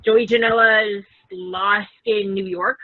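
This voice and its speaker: A woman's voice: mid-range voice, steady tone, slow pace, dry recording. A woman guest in a casual podcast chat, talking things through in a chatty, thinking-aloud way. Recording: tinny dry phone-like line.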